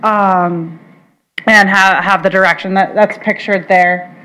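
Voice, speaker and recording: A woman presenting a plan to a county board with a halting delivery full of uhs, speaking into a table microphone. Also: mid-range voice, steady tone, sharp tone, clear, resonant tone. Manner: halting, many filler uhs. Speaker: water resource specialist presenting to county board. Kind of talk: public meeting presentation. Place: county board meeting room.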